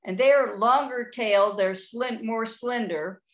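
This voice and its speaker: A woman's voice: on the high side, a little slow. A middle-aged woman, giving a chatty, informal talk on identifying birds, with frequent restarts. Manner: chatty, with frequent restarts and playful bird imitations. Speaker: birding presenter.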